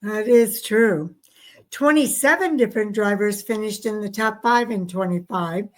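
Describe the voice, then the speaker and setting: A woman's voice: mid-range voice, measured pace. A woman co-hosting a racing podcast, reading statistics in a tired, casual way. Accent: Southern American. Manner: tired, yawning. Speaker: podcast co-host. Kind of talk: reading race stats in casual chat.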